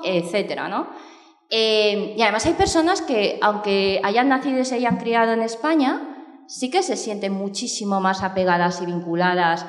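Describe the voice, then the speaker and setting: Her mid-range voice carries through an echoey room with a long reverb tail. As a documentary filmmaker giving a thoughtful interview, she speaks reflectively, filling pauses and restarting her sentences frequently.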